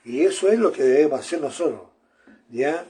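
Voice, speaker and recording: Earnest male preacher with a mellow, slightly raised voice. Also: on the high side, animated, moderate pace. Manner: earnest, repeats phrases, addresses listeners as brother. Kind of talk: sermon.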